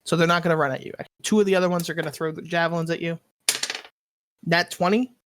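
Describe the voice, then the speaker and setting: A woman acting as game master, calling out rolls and results in a brisk, matter-of-fact way. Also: fairly low pitch, steady tone, noisy background. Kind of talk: narrating a tabletop game.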